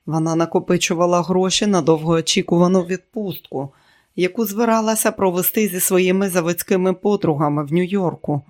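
A man reading a novel aloud as audiobook narrator, in a steady, even manner. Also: sits high. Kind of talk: scripted narration.

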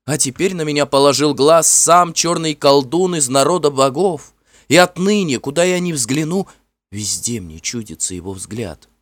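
A man's voice: fairly high pitch, animated, moderate pace, dry recording, voice pushed up. Sadb, a frightened fairy maiden, as a man puts her on. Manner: soft, tremulous and imploring. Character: gentle young fairy woman, frightened and pleading.

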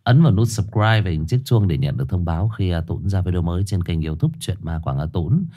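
Deep-voiced man hosting a late-night stream. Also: warm tone. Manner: greets viewers by name, chatty and joking. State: stuffy nose, coughing. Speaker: host of a live horror story reading channel. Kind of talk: livestream chat and story introduction.

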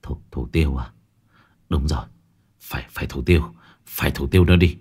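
Brief: a terrified young man, put on by a male narrator, stammering, pitched well up, lively swings. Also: normal speed. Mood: muttering. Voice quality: stuttering.

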